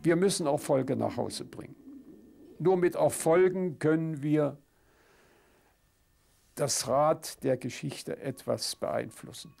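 An elderly man gives an interview recollection at a slow pace. His voice is extremely creaky and somewhat high, with faint music behind. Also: a little mellow. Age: 70s or older. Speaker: documentary eyewitness, former submarine engineer. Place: quiet interview studio.

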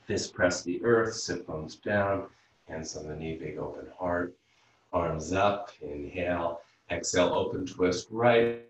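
A deep-voiced man, a yoga instructor and physical therapist, leads a class over video call from a room at home. He calmly and slowly cues students step by step through breaths and stretches, his voice far from the mic in a very echoey room.

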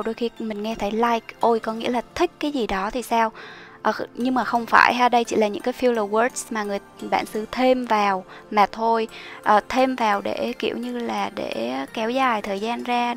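A young woman explaining study tips as a teacher, in a chatty, explanatory way with soft fillers. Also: a little high. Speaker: IELTS teacher. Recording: soft music behind the voice.

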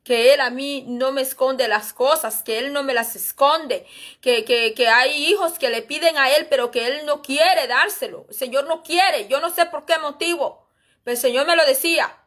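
Earnest high-voiced woman preaching. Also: normal speed, a bit bright. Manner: repetitive, earnest, often addressing listeners as brethren. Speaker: lay preacher sharing a revelation. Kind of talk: spoken religious testimony.

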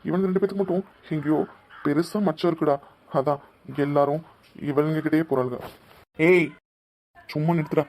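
A man voicing young men in a cartoon, talking in a rough, confrontational way. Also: fairly high pitch, steady tone, fairly quick, long pauses, a little mellow, a little hiss or hum. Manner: rough, confrontational street talk. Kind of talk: dubbed cartoon dialogue.

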